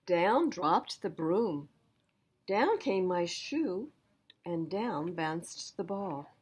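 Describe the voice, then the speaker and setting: This is a children's read-aloud with asides: a woman at library storytime reads a picture book, talking straight to her young audience with emphasis. Her fairly low, slightly rough voice moves with lively intonation at a very slow pace.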